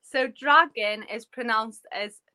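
A Welsh woman teaching a yoga breathing technique and a few Welsh words in a gentle, unhurried way, with many fillers. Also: a little high. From Wales. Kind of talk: relaxed live-stream lesson.

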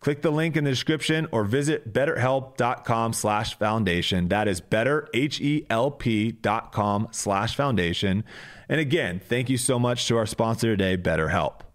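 A podcast host with a medium-pitched voice talks at normal speed, reading a sponsor ad before drifting into loose casual chat. He rambles, repeats words as he goes, and laughs easily.

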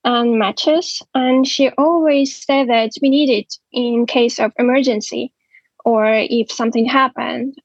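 A woman in her twenties with a Ukrainian accent, telling her story as an interview guest, slow and halting with many pauses. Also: fairly high pitch, steady tone, no echo, dull audio. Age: 20s. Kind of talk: interview testimony.

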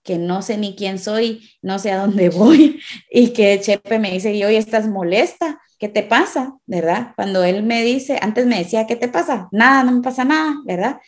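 A woman co-hosting a faith-based talk show, telling personal stories in an animated way and checking in with the listener. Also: mid-range voice, a little slow. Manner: warm affirmations, animated storytelling, frequent "¿verdad?". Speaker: co-host.

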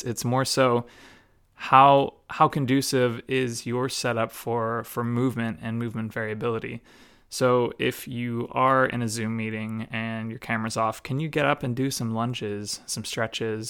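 A young adult man talks casually as a mobility coach. His voice is gravelly yet smooth and resonant. He keeps a loose, conversational flow full of fillers and restarts. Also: mid-range voice, fairly bright tone. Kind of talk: casual explanatory talk.

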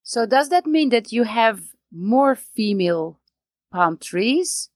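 A woman's voice: on the high side, animated, takes it slowly, dry recording, clean studio sound. Curious woman interviewer asking questions. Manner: curious, asks follow-up questions.

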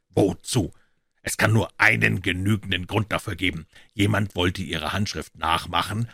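Brief: a man as a brisk, impatient detective explaining, very low and husky, dry close mic. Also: pushed and bright, no echo, exaggerated voice. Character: brilliant male detective, impatient and confident.

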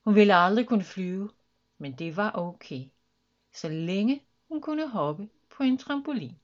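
A woman reads a children's story aloud in a lively, expressive way. Her voice sits at a middle pitch. The recording sounds dull and lo-fi.

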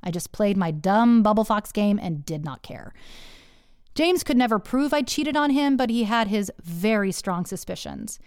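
A woman's voice: medium pitch, expressive, normal speed, darkish tone, clean tone, no room sound, studio quality. A woman telling a first-person story in a candid, profane way, acting out the voices she quotes.

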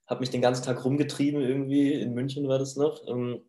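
A man telling a personal story in a casual, chatty way, laughing often and filling pauses with little filler sounds. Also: mid-range voice, flat delivery, warm tone. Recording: roomy echo.

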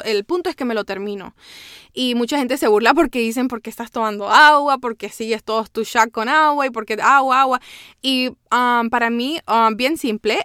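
A woman's voice: fairly high pitch, a bit bright, clean tone, dry recording, clean studio sound. Chatty code-switching woman podcaster. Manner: chatty, switches between Spanish and English, many "¿verdad?" tags. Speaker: podcast host. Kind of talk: casual solo podcast monologue.

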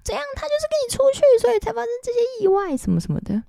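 A woman voicing a distraught parent who blames their child's friend, speaking in a shrill, accusing way. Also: wildly swooping pitch, racing, gravelly, mellow, dry recording, clean studio sound, exaggerated voice.

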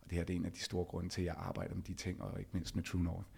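A middle-aged man, a podcast host, telling a personal story in an animated way and acting out the dialogue himself. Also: sits low, gravelly, slightly rough. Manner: animated, acts out quoted dialogue.

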